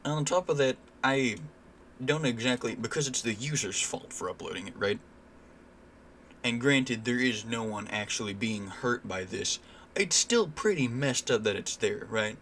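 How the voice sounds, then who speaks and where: A man's voice: mid-range voice, lively intonation, moderate pace, fairly bright tone, a little hiss or hum. A young man ranting casually and indignantly in a vlog, swearing freely and using lots of fillers. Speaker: vlogger.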